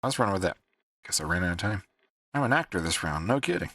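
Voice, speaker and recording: A man hosting a livestream with casual, rambling chat, often pausing as he thinks. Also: deep voice, expressive, pushed and bright, no room sound, studio quality, distant mic. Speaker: livestream host.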